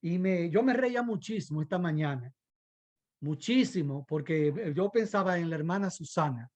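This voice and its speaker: A man's voice: fairly high pitch, animated, normal speed, darkish tone. A man preaching a sermon, fervent and given to rhetorical asides, sometimes stumbling and restarting mid-phrase.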